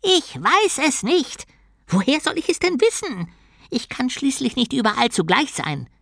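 A woman's voice: sits high, sing-song, measured pace, gravelly, fairly bright tone, dry recording, studio quality, pitched above the performer's own voice, heavily acted. A woman doing a sarcastic, petulant tortoise god. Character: grumpy male god stuck as a small tortoise. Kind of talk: audiobook character voice.

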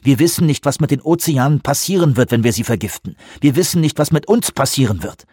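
A defiant male scientist, read by a male narrator, hurls heated accusations. The voice is husky and close, with a dry, roomless sound. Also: mid-range voice, lively intonation, fast, a little mellow, dry recording, pitched above the performer's own voice. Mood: accusing.

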